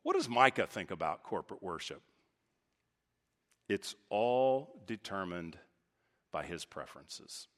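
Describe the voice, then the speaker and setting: A man from Texas preaching a sermon as pastor, talking with emphatic swings from loud, high points to quiet, low asides. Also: lively intonation, a little slow, long pauses. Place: church sanctuary. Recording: reverberant church hall.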